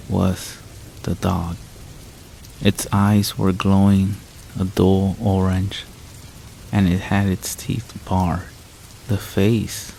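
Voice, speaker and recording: A man narrates a creepy first-person tale in a very deep voice, low and unhurried. His tone stays flat with little rise and fall, and a gravelly rasp runs through his words. Faint rain patters in the background. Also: a little hiss or hum, rough recording. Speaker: horror story narrator. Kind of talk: scripted horror narration. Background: rain sounds.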